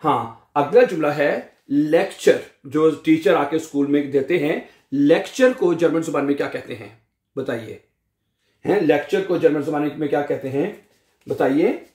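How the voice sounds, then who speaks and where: A male teacher with a Pakistani accent, a native Urdu speaker, talking at a very slow, deliberate pace in a slightly raised voice. He draws out each German word and keeps quizzing his students. The room sounds echoey. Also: on the high side, lively intonation, a little mellow. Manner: drawls German words slowly, asks students questions. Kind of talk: slow vocabulary lesson.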